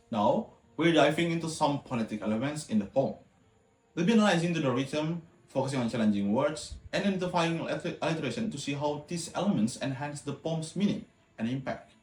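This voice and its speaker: A man's voice: a little high, darkish tone, echoey room, poor audio. A young man from Indonesia, a student presenter reading a lesson recap with loose, informal add-ons. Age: young adult.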